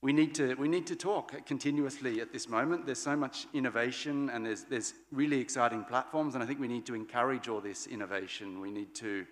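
A man's voice: medium pitch, a little fast, few pauses. Male panel moderator, 40s, podium mic, unscripted wrap-up with restarts, long hall reverb. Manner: loose, searching phrasing with fillers and restarts. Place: large conference stage hall.

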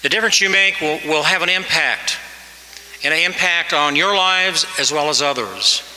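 Here the older male commencement speaker, in his sixties, talks at a moderate pace with a slightly high pitch and a sharp tone. Earnest and exhorting, he lifts his voice for emphasis into a podium mic, and the large hall adds reverb and faint ambience.

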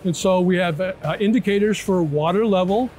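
A high-sitting, darkish voice at normal speed comes from a man in his fifties doing a product presentation in an interview. His explanations go step by step, checked with "right?" and "okay?", on a large indoor trade show floor with music playing beneath.

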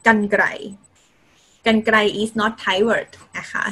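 Slow-speaking woman teaching Thai. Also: medium pitch, fairly even intonation, fairly bright tone, husky, rough recording. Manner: mixes simple English with Thai, adds polite particles often. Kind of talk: online language lesson.

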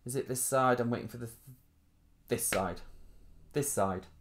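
A man's voice: mid-range voice, normal speed, a bit bright, a little hiss or hum. A man in his thirties with a northern English accent, hosting an informal live stream and chatting in a rambling, self-deprecating way. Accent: Northern English, Rotherham. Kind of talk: casual live-stream chat.

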